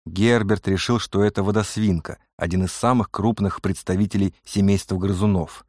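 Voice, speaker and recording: A man reads a storybook aloud in an even, measured narrating voice. His pitch is on the low side, and the sound is close and dry, with almost no room echo. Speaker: audiobook narrator. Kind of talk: scripted narration.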